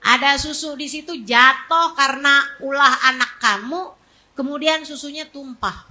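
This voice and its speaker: A woman in her forties from West Java, preaching a casual sermon with emphatic repetition and lively storytelling. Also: sits high, a little slow, poor audio. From West Java, Indonesia. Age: 40s.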